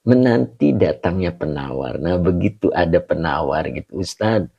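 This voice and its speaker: A man's voice: sits low, animated, normal speed, gravelly, slightly rough, lo-fi sound. A man teaching a live online Quran class, chatty, greeting viewers by name and chuckling often.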